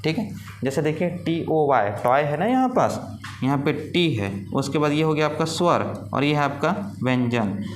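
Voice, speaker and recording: Man, high voice, grammar teacher, asks and answers his own questions, faint background noise. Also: animated, a little slow. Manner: asks the class questions, then answers them himself. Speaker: English teacher. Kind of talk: classroom-style grammar lesson.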